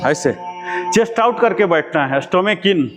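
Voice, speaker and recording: A man's voice: sits high, lively intonation, normal speed, over music. A man teaching a yoga class, giving patient step-by-step instructions on breathing and chanting. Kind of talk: guiding a live yoga class.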